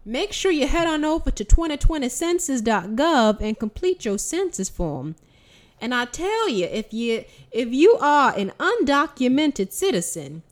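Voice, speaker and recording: A woman doing a fussy older church lady calling out the weekly announcements. Her put-on voice sits higher and louder than her own, folksy and emphatic, scolding her listeners. She plays it as a comic bit.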